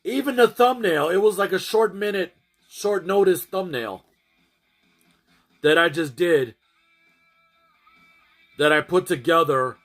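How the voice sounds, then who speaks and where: A man's voice: on the high side, slow pace, long pauses, fairly bright tone, soft background music. A man chatting casually to his livestream audience, rambling and often restarting and repeating his phrases. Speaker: streamer.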